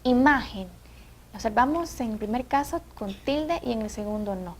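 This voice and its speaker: A woman's voice: fairly high pitch, animated, normal speed, a little mellow, slight background noise. A woman hosting an educational TV program, attentive and leading each segment. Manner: attentive, frequent "ujú" backchannels, guides segments. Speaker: TV program host. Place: TV studio.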